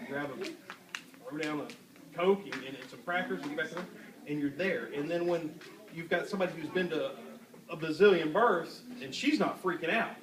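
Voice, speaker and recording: A man on a parents' panel, earnestly telling his own story with frequent restarts. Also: on the high side. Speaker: panelist father. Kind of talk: panel talk. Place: panel event before an audience. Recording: echoey room, far mic, audience.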